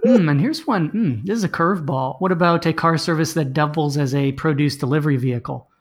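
A man's voice: a little high, a little fast. A man hosting a comedy podcast, giving prompts like a teasing, dry quizmaster in casual banter. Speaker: host running comedy game rounds.

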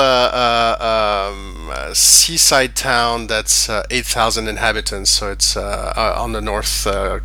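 A man's voice: fairly low pitch, bright, forceful tone, a little hiss or hum. A middle-aged man from France, a guest in a casual interview, talking with many fillers and restarts. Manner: hesitant, many fillers and restarts, laughs easily. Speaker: guest, online business owner.

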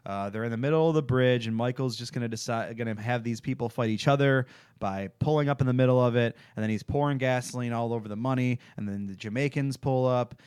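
A man's voice: mid-range voice, quick pace, a little mellow, clear, resonant tone, no room sound, clean studio sound. A man hosting a podcast in casual chat, rambling, swearing freely and laughing often. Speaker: podcast host recapping a TV show.

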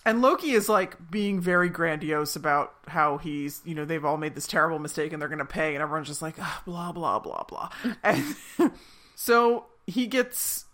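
A woman's voice: deep voice, normal speed, a bit bright. A woman podcast co-host in casual chat, animatedly retelling a TV episode with frequent giggles and fillers.

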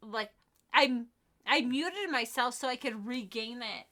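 A chatty woman co-hosting a podcast over a remote call, a little tipsy and swearing casually. Her voice sits a touch high and comes across bright and forward. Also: expressive, unhurried. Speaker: podcast co-host. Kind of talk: casual chat. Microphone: headphones with mic over a call.

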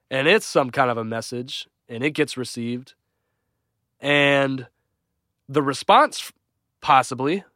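A man co-hosting a casual podcast, tossing out excitable speculative ideas and swearing casually. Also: mid-range voice, no room sound, clean studio sound. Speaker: podcast co-host.

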